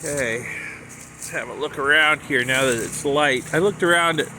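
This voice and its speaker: In this handheld storm vlog with background noise and poor audio, a homeowner casually narrates the scene around his house during and after the storm. His voice is fairly high and sharp, and he talks at a normal speed.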